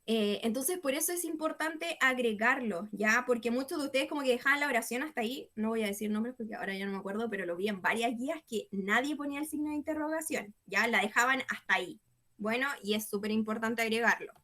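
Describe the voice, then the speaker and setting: This woman's voice sits a little high, with a sharp tone and a fast delivery. She teaches an English class, explaining patiently and repeating herself, and after nearly every phrase she checks in with a questioning "yes?"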